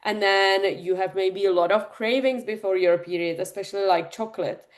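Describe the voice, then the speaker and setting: A woman hosts a live online nutrition class, talking straight to her viewers in a loose, filler-heavy chat. Her voice sits at an ordinary middle pitch for a woman, and it comes through a video-call microphone. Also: steady tone, normal speed. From Czech Republic. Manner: chatty, addresses the audience directly with many fillers. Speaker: fitness and nutrition coach. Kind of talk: live online masterclass talk.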